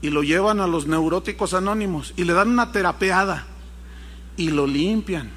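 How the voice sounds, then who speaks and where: A man preaching a sermon, telling a story with animated acted-out voices. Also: sits high, normal speed, long reverb tail. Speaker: pastor.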